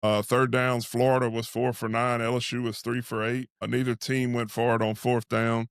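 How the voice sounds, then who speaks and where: During halftime, a sports show host and analyst offers casual football commentary like an invested fan, saying "we" about the team. His mid-range voice is clear and resonant with little pitch movement at normal speed, recorded in studio quality with no echo.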